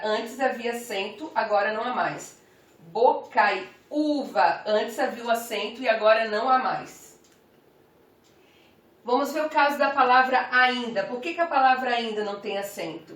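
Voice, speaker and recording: Female teacher, grammar lesson, measured and deliberate, pronounces each example word clearly; slow pace, echoey room. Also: on the high side. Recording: roomy, from some distance off the mic.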